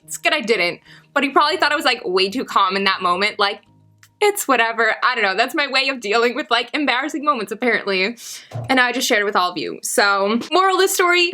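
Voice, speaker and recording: A woman's voice: a little high, pushed and bright. A young woman in her twenties chatting casually to her viewers in a Q&A vlog, bubbly and full of "like". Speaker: YouTuber.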